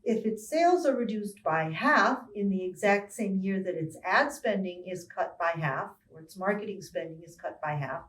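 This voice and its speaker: A woman professor giving a recorded lecture on marketing, explaining clearly and stressing key words deliberately. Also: medium pitch, slight background noise. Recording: roomy sound from a distance from the mic.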